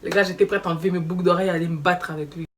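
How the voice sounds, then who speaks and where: A woman's voice: on the low side, very fast. Slangy young woman telling a storytime vlog. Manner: animated, slangy, acts out quoted dialogue. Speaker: vlogger. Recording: slightly distant mic with faint background noise.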